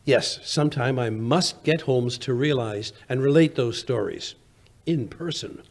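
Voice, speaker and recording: An actor playing a genial, self-deprecating old English doctor and storyteller, with a hesitant, old-fashioned manner in 1940s radio drama style. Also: male voice, medium pitch, measured pace. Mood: genial, musing. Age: older.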